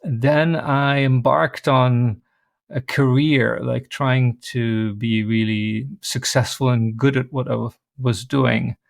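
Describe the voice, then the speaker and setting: A man, likely in his forties, speaking as a podcast guest on a video call, with a thoughtful, measured manner and light self-deprecating humor. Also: medium pitch, steady tone, creaky, no echo, clean studio sound. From Switzerland. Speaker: guest, organizational consultant. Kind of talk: reflective interview talk.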